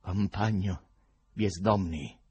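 Man doing pompous plump official, rally-speech tone, soothing, husky. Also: low voice, slow, darkish tone, heavily acted. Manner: speech-making, pompous, placating.

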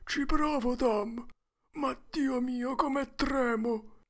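A narrator putting on a scared young boy in whispered role-play, high above the reader's own voice and breathy, with a gravelly edge. He shivers through every hushed word, superstitious and sure the worst is near. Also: measured pace, full character voice. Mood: terrified.

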